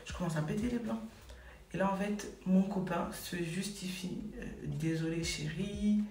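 A woman's voice: mid-range voice, moderate pace, a little mellow, a little hiss or hum. Woman chatting through a story, lots of fillers, sounds far off in a roomy space. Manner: chatty, many fillers and "et tout". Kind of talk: casual personal storytelling.

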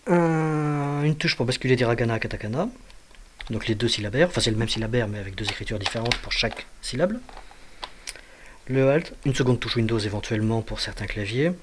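A man presents a casual computer tutorial at his desk, his voice sitting at an ordinary middle pitch. He thinks aloud, pausing on fillers as he types out live examples. Faint keyboard clatter and mouse clicks run underneath. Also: slight background noise. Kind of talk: casual screen-share tutorial.

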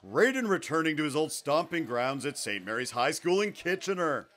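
A man's voice: on the high side, very animated, moderate pace, a bit bright. A man narrating a local sports news report in an upbeat, scripted delivery.

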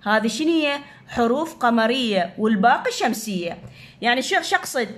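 A woman teacher with an Iraqi Arabic accent explaining a grammar lesson to children, slowly repeating each word. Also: on the high side, big pitch swings. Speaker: primary school teacher.

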